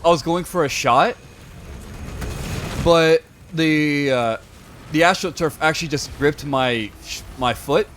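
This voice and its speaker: Young guy streamer rambling jokey stories to chat, lots of "like" and "uh", slightly high voice. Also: slow pace, long pauses, fairly bright tone, a little hiss or hum. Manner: rambling, joking storyteller with many filler words. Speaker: game streamer. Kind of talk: casual chat with stream viewers.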